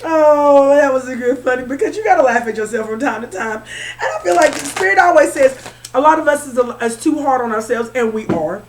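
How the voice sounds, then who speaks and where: A woman with a high, light voice talks through a spiritual tarot reading. She is chatty and repeats herself, often pausing to check in with her listeners. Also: expressive, a little hiss or hum. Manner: bursts into laughter at herself. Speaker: tarot reader.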